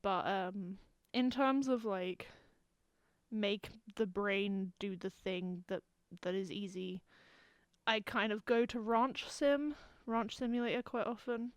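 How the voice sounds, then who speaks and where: A woman's voice: medium pitch, fairly even intonation, slow, clean tone, no room sound, clean studio sound. A woman co-hosting a casual podcast chat, giggly and rambling, often trailing off and restarting. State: hiccuping and burping. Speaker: podcast co-host.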